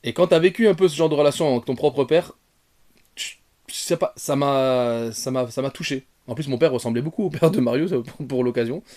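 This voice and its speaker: Rambling French YouTuber reviewing a film. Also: male voice, mid-range voice, a little fast. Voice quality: bearded. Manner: rambling, lots of fillers and restarts; animated, swings from soft asides to loud outbursts. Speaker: retrogaming YouTuber.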